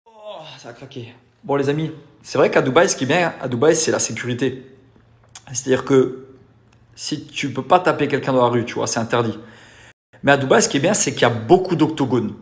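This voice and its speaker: A man's voice: medium pitch, a little fast. Man boasting and issuing fight challenges. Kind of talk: casual vlog talk.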